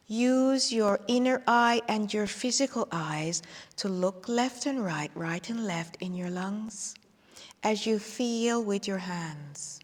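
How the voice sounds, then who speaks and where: Slow, soothing woman guiding meditation. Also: mid-range voice. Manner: slow, soothing, drifting into whispers. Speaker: qigong instructor. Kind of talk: guided meditation. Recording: long hall reverb.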